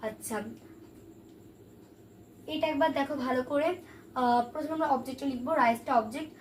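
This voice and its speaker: A woman's voice: high-pitched, fairly quick. A woman teaching a grammar lesson, patiently explaining and asking questions that she then answers herself. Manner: patient, asks and answers her own questions. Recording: distant mic, faint room noise.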